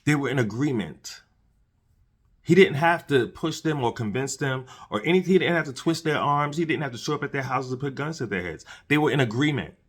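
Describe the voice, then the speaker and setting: A man's voice: mid-range voice, animated, fairly quick, slightly rough. A man hosting a solo commentary show, talking in an earnest, preachy way and often repeating and restarting his words. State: dry mouth, has candy in his mouth. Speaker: podcast host.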